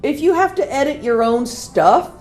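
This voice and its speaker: A woman's voice: high voice, animated, normal speed, darkish tone, faint music behind. A woman co-hosting a podcast, chatting casually and leading the discussion with a self-deprecating manner. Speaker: podcast co-host. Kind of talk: casual chat.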